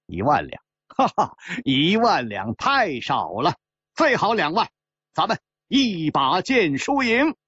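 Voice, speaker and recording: A storyteller doing a brash young swordsman at the gambling table, his voice leaping wildly up and down, loud and reckless. The recording is slightly muffled and dry, with a husky edge to the voice. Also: fairly high pitch, sing-song, slow pace, no echo, pitched above the performer's own voice, full character voice. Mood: cocky, reckless. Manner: loud, laughing, devil-may-care. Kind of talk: storyteller acting out dialogue.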